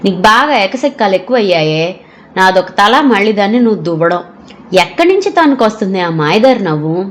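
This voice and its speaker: A woman voicing a sharp-tongued, grumbling old mother-in-law in an audio story. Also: mid-range voice, big pitch swings, a little fast, natural voice. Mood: scolding. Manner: scolding, grumbling.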